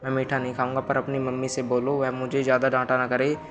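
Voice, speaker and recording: A man's voice: medium pitch, completely flat delivery, fast talker, lightly acted. A man reading as a childish older father. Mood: sheepish. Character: fussy, childish older father with a sweet tooth. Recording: music bed underneath. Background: music.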